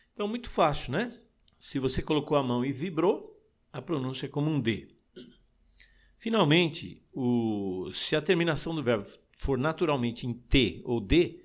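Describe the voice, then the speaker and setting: A Brazilian man teaching English grammar in an audio lesson, explaining patiently and slowing down to model English words. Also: medium pitch. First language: Portuguese.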